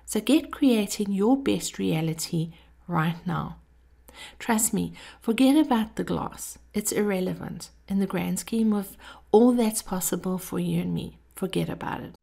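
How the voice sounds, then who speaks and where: A woman podcast host giving a scripted motivational monologue in an intimate, measured way, her breathy voice often dropping toward a whisper. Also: mid-range voice, dark tone.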